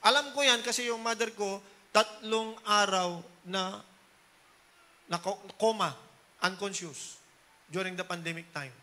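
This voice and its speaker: A man's voice: high voice, measured pace, pauses often, bright, forceful tone. A middle-aged man from the Philippines preaching a Sunday sermon, switching between Tagalog and English and often asking the congregation for agreement. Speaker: pastor.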